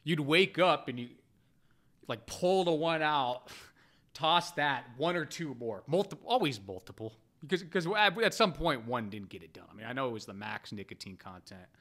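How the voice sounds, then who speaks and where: A man telling a casual, profane story about his own habits, swinging between loud animated bursts and low muttered asides. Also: normal speed. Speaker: poker player vlogger.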